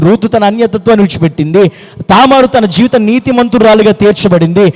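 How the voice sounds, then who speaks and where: A man's voice: sits high, long reverb tail. A man preaching a fervent sermon as pastor, repeating phrases and firing rhetorical questions. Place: church hall.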